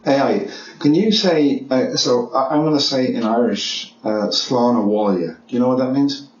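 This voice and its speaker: A man's voice: medium pitch, normal speed. A man hosting a casual chat from home, talking hesitantly with many restarts. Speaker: podcast host. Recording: echoey room, dull sound, faint noise.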